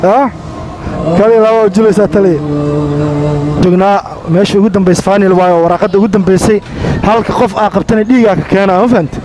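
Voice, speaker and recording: A man hosting a casual prank vlog on a city street, chatty and quick, slipping English into his talk. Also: high voice, steady tone. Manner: rapid, chatty, mixes in English phrases. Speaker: prank vlogger.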